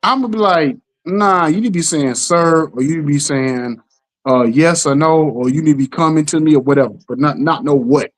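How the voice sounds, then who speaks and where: A man co-hosting a casual talk show, telling stories with lively acted-out quotes and a steady "you know what I'm saying.". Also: brisk. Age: adult parent. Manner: animated storytelling, acts out quotes with jumps in pitch. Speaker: podcast co-host. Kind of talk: casual chat.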